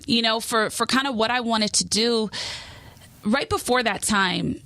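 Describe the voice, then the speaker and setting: A woman in her late twenties, a radio host from Los Angeles, telling a story in a relaxed interview and acting out the quotes. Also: fairly high pitch, measured pace, no room sound. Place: indoor studio.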